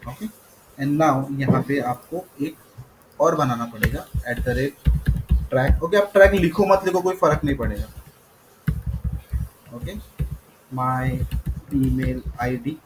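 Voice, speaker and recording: A man's voice: mid-range voice, takes it slowly, pauses often, noisy background. A man teaching a coding tutorial, mixing Hindi and English, saying "okay" often and spelling words out letter by letter. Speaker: coding instructor. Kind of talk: screen-recorded coding tutorial.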